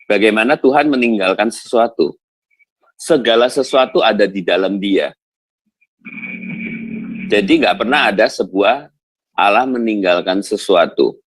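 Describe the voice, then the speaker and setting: Low-voiced insistent debater. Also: male voice, unhurried, pauses often, slightly rough, no echo. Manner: insistent, interrupting, repeats points. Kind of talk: heated debate.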